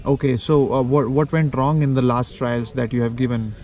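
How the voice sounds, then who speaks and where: A man's voice: mid-range voice, flat delivery, moderate pace, darkish tone. A man with an Indian accent conducting a conversational interview in an encouraging manner. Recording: faint background ambient noise.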